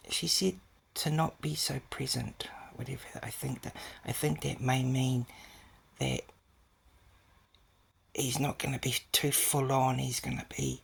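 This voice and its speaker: A man's voice: medium pitch, vocal fry, slightly rough. A man giving a casual video update, talking in a hesitant, rambling way with many fillers and restarts, and often dropping to a whisper. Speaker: vlogger.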